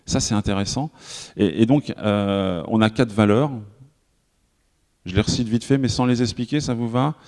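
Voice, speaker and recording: A man's voice: on the low side, normal speed, a little mellow. A man with a French accent giving a live conference talk. He speaks conversationally, with many fillers and restarts, and often turns to address the audience directly. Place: conference hall. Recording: long hall reverb.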